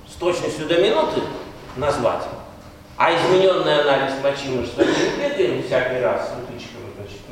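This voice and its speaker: Older male lecturer in a very echoey hall. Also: on the high side. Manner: rhetorical questioning, wry, conversational asides. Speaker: medical lecturer. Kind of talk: university lecture with questions to students. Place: large lecture room, recorded from far off. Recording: very echoey hall, distant mic, loud noise.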